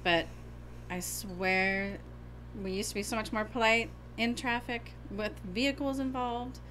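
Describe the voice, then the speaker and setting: A middle-aged woman co-hosting a podcast with her daughter, chatty and self-deprecating with quick asides. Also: a little high, fairly even intonation, fairly bright tone, a little hiss or hum, poor audio. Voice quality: hard of hearing. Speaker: co-host, mother. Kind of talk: casual podcast chat.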